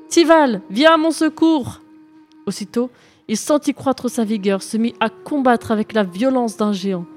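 A woman narrating a fairy tale in calm, even storybook reading. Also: fairly high pitch.

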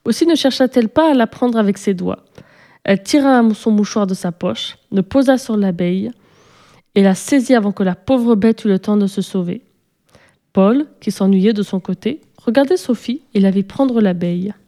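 Mellow woman reading a children's story. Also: mid-range voice, normal speed. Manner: steady, even storytelling. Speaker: narrator.

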